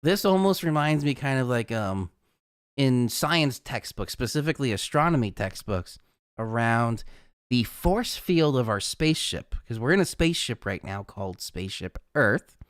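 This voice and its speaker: A man's voice: medium pitch, dry recording, studio quality. A man hosting a casual live weather forecast, chatty and rambling, who laughs at his own jokes.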